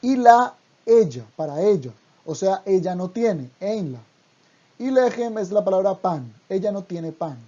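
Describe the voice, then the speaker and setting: A Hebrew teacher giving an online language lesson, speaking deliberately and repeating each word twice. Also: mid-range voice, lively intonation, dark tone, muffled recording.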